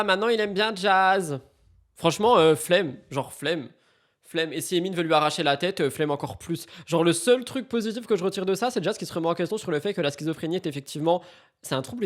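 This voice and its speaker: A young man hosts a casual commentary show, reacting to reality TV clips in a chatty, animated way and leaning on fillers. His voice sits a little high for a man. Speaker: host.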